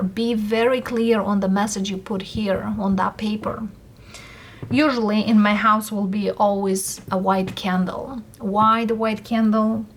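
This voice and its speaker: A woman who is a non-native English speaker gives a casual tarot reading, speaking haltingly in short phrases with pauses. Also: medium pitch, a little hiss or hum. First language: not English. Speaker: tarot reader host.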